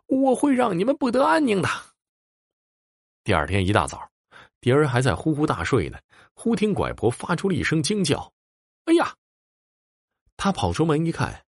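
A man narrating a ghost story in a swooping, animated storytelling manner. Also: medium pitch, breathy edge, no echo, studio quality.

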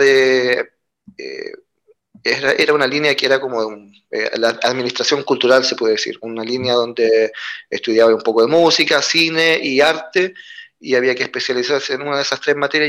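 Man, 40s, Chilean accent; relaxed interview guest, steady storyteller. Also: medium pitch. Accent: Chilean Spanish. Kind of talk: casual interview.

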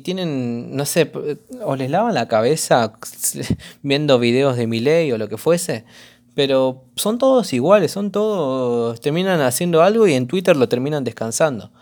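A man with an Argentine accent, hoarse, rambling through a casual commentary vlog with lots of slang and fillers. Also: mid-range voice, darkish tone. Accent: Argentine Spanish. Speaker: vlogger.

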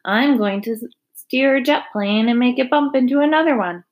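A woman's voice: sits high, moderate pace, voice pushed up, natural voice. Woman playing a boisterous young boy. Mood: excited. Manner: excited, greedy for treats.

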